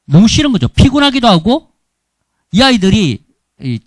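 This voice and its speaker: A middle-aged man with a Gyeongsang Korean accent tells missionary stories from the pulpit with humor. His voice sits a little high and swings widely in pitch. The sound is dry and close, with little room echo. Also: normal speed. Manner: lively storytelling with humor. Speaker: missionary speaker. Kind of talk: testimony sermon. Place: church.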